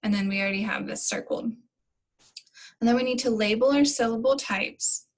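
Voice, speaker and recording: A woman teacher explaining phonics coding step by step in a slow, patient way to young pupils. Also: fairly high pitch, poor audio. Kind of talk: recorded phonics lesson for children.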